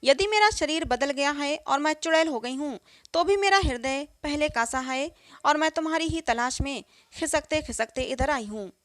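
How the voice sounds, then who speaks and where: Loving mother taken for a witch, tender, gentle, high voice, read by a woman storyteller. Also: animated, normal speed, dry recording, clean studio sound.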